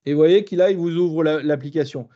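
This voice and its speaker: A man's voice: a little high, fairly quick, mellow, highs cut off. A man with a southern French accent leading a live webinar demonstration as trainer, hesitant with many fillers and restarts.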